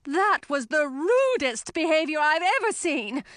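A shrill, affronted queen whose voice climbs and swoops with every complaint, put on by a woman narrator. She snaps her words out. Dry, close sound. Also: sing-song, measured pace, fairly bright tone, no room sound, full character voice. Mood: indignant. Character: haughty indignant middle-aged queen. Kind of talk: audiobook character voice.

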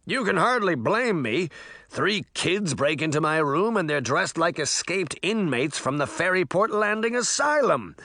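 A man's voice: on the high side, big pitch swings, measured pace, pushed and bright, dry recording, studio quality, pitched above the performer's own voice, full character voice. A man voicing a vain, theatrical magic mirror that brags and sulks in a showy way. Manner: pompous, showy bragging.

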